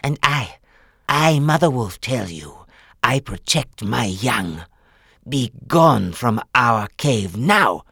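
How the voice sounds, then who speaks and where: A woman voicing a mother wolf who speaks softly and tenderly in a slow, lilting storybook manner. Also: big pitch swings, creaky, slightly rough, dry recording, studio quality, full character voice. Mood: fierce. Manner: soft and lilting with wide pitch swings.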